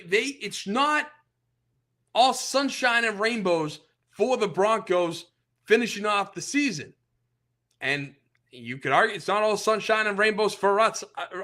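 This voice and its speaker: A man hosting a sports podcast, ranting as an opinionated fan in a casual, animated way. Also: a little high.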